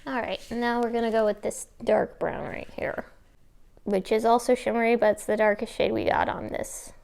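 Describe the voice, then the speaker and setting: A woman's voice: a little high, normal speed, gravelly, a little mellow. A woman chatting casually through a makeup tutorial in a rambling, informal, self-deprecating way. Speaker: makeup vlogger. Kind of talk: casual chat while doing a makeup tutorial.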